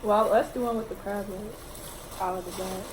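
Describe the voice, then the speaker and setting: A woman's voice: mid-range voice, fairly even intonation, a little fast, noisy background. A woman co-hosting a casual seafood mukbang, chiming in with short, dry one-word replies. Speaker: co-host.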